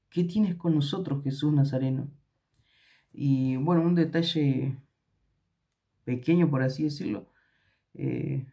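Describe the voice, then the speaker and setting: A man's voice: medium pitch, warm tone. A man with an Argentine accent reading scripture aloud and commenting at a Bible study, hesitant with many fillers and restarts. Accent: Argentine Spanish.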